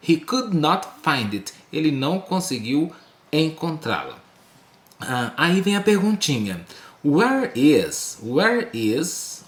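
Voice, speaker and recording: Brazilian guy teaching english, super slow and careful, repeats everything, roomy echo. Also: mid-range voice. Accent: Brazilian Portuguese. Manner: slow, deliberate, repeats and translates each phrase. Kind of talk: recorded online language lesson.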